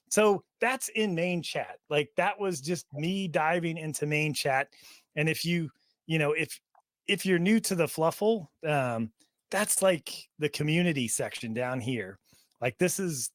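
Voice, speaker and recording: A man with a fairly high speaking voice hosts a fan podcast in loose, casual chat. He rambles through plenty of fillers and laughs often as he walks listeners around an online community. The sound is dry and close, with no room around it. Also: no echo. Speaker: podcast host. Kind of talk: casual chat while touring a chat server on screen.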